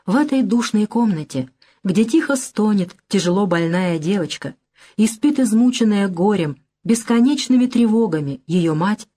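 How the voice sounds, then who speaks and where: A woman narrating a novel in a steady, measured audiobook reading. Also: medium pitch. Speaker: audiobook reader. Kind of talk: literary narration.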